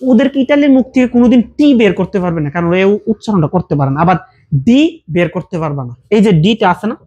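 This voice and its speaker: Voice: mid-range voice, lively intonation, fast talker, mellow, muffled recording. A teacher giving a casual language lesson, explaining verb forms patiently with repeated examples and check questions.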